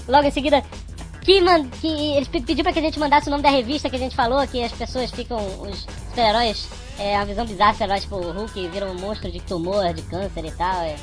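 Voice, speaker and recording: A man co-hosting a podcast with his voice sped up like fast-forwarded tape, sounding like a chipmunk as he wryly reads listener emails. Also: high-pitched, fairly bright tone. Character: squeaky sped-up chipmunk male host.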